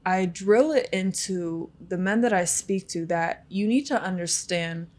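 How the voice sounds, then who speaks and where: A woman's voice: lowish voice, a little slow, darkish tone. A woman who is a relationship expert, talking earnestly and emphatically as a podcast guest. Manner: earnest and emphatic, teasing at times. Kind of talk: casual podcast conversation.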